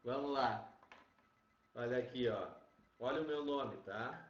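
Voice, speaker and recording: Slow-talking male Spanish teacher in an echoey classroom. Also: mid-range voice. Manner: chatty and repetitive, tag questions. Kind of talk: classroom lecture. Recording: muffled classroom recording with echo.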